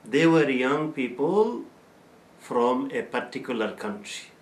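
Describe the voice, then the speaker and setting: An older male Islamic teacher gives a religious lesson, slowly explaining Quran verses and chanting Arabic recitation in between. His voice is medium in pitch with lively intonation, and it echoes in a plain room with a bare wall.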